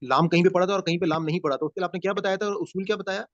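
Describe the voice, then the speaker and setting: A man's voice: high-pitched, steady tone, no room sound, highs cut off. A man, a student in an online class, who politely asks the teacher to go over a point again, heard over a video call.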